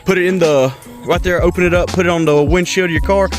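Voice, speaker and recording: Out of breath, a man with a high-sitting, fairly even voice talks fast while caring for his backyard fish ponds, casually narrating every chore. He's a pet keeper vlogger doing a casual outdoor vlog, with loud hip hop backing music over his speech.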